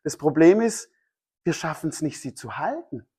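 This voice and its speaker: Male pastor, mid-high voice, emphatic sermon delivery with repetition. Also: animated, normal speed, warm tone, husky. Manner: emphatic, repeats key phrases.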